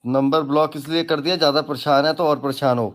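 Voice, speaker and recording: A man with a fairly high voice rants at his followers in an offhand, unscripted way. His talk is crude and mocking and keeps wandering from point to point, like a self-styled guru venting on a live stream. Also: fairly even intonation, a little fast. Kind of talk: casual live rant.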